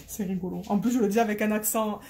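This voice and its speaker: This woman is a diamond painting vlogger from Marseille, France, with a Marseille French accent, casually talking to her phone and rambling as she hunts for words. Her voice is medium-pitched with a darkish tone, and there's a little hiss or hum.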